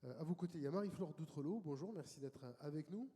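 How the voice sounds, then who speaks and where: Male conference moderator, brisk and welcoming, dark tone, long hall reverb. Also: on the high side. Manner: brisk and welcoming, directing guests.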